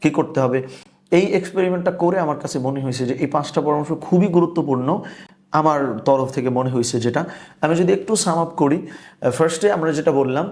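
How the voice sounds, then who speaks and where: A man's voice: fairly high pitch, quick pace, a little mellow. A young man from Bangladesh, a business and productivity coach, giving casual, conversational advice to camera and mixing in English words.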